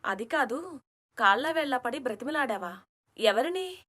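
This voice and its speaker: A woman voicing an impulsive, naive young female alien in an animated story, blunt and outspoken. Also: high-pitched, normal speed. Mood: indignant. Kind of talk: storybook cartoon voice acting.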